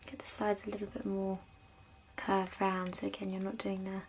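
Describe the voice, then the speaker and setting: A woman speaks in a hushed, gentle whisper, slipping now and then into a soft spoken voice as she plays a hairdresser in an ASMR roleplay. Her voice sits at an ordinary middle pitch, and a faint hiss runs beneath the recording. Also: monotone, normal speed.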